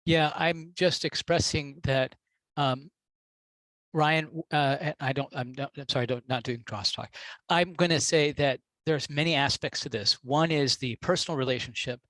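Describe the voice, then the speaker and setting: A man speaking up on a video call, hesitant and halting with frequent restarts. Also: fairly high pitch, a bit bright, no room sound, rough recording. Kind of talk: casual video call discussion.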